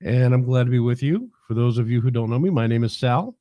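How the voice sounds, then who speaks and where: Mellow-voiced New man chatting live. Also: mid-range voice, animated, fast talker, no room sound. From New York. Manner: rambling, folksy, many fillers. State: tail end of a head cold. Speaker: host of a live broadcast. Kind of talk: casual livestream talk. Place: his home in the South.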